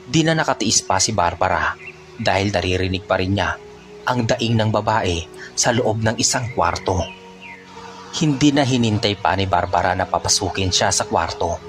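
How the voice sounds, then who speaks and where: Deep-voiced male storyteller over faint music. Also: a bit bright. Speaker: narrator. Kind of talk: storytelling narration.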